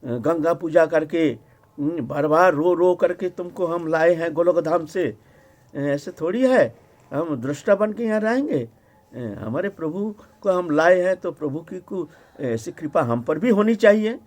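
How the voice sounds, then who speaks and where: A man, a spiritual teacher, giving a devotional discourse at an ashram, telling a story in an animated way and often asking the listeners short rhetorical questions. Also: on the high side, unhurried. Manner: animated storytelling, acts out quoted speech, frequent rhetorical "हैं?".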